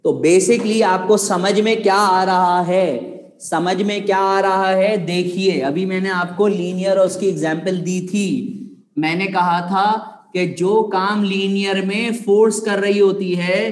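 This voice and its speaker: High-voiced teacher, echoey room. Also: male voice, level tone, measured pace. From Pakistan. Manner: patient, repeats key points, asks rhetorical questions; addresses students affectionately as children. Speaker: physics teacher. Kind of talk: online classroom lecture.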